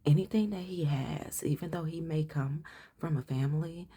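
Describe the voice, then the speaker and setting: A woman with an extremely low, very husky, breathy voice gives a relaxed tarot reading. Her tone is dark and mellow. She chats casually, calls the listener honey, and often slips into soft whispers. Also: normal speed. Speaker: tarot reader.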